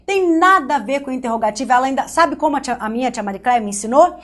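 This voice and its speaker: A woman from Brazil teaching an online grammar lesson, lively and joking, speaking straight to the student. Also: high voice, fast.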